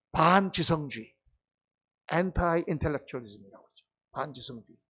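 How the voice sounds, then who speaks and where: High-voiced animated Korean pastor preaching. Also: male voice, highs cut off. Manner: animated, acts out quoted disciples with sudden loud bursts; asks the congregation questions and answers them himself. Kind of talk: Bible exposition sermon.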